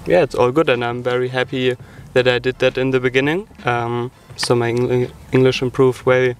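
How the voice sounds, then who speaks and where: A man's voice: medium pitch, little pitch movement, slight background noise. Thoughtful young German man. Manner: thoughtful, measured. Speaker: volunteer. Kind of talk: casual group chat.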